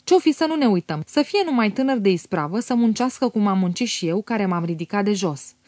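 A woman's voice: medium pitch, lively intonation, a little mellow, no room sound, lightly acted. A genial self-made older man, as a woman reads him, placating everyone at the table. The voice lifts slightly above the reader's usual tone. Storybook reading, close and dry.

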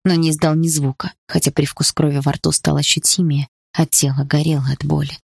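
A man narrating a dramatic audiobook in a measured voice. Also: on the high side, little pitch movement, gravelly, breathy edge, dry recording, studio quality.

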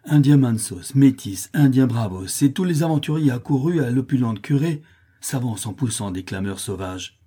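A man's voice: medium pitch, expressive, moderate pace, warm tone, husky. A man reading an adventure novel aloud with vivid, emphatic delivery. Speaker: audiobook narrator.

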